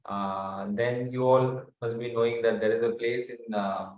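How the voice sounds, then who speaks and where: A man from South India with an Indian accent, answering interview questions earnestly with many fillers and pauses. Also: mid-range voice, steady tone, a little mellow. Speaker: guest author and researcher. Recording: roomy echo.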